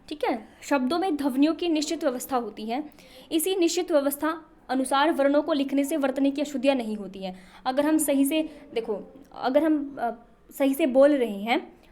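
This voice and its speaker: A young woman with a high-sitting, darkish voice teaches a Hindi spelling lesson for exam preparation. She poses questions repeatedly and then answers them herself.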